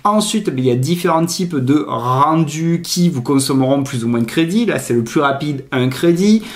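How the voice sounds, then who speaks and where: A man hosting a casual software tutorial, chatty and full of fillers, his pace speeding up and slowing down. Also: a little high, animated. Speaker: tutorial host. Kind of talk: casual screen-recorded tutorial.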